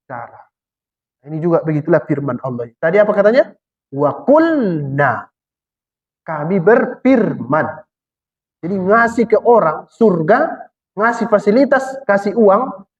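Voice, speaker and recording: A man preaching a Quranic exegesis sermon, putting questions to the congregation and answering them himself, and slowing right down to recite verses. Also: a little high, animated. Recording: dull lo-fi recording.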